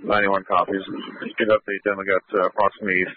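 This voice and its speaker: Man on two-way radio, very low monotone voice, muffled dry audio. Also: fast talker. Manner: clipped, businesslike. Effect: two-way radio transmission. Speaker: emergency responder. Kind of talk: terse radio dispatch talk.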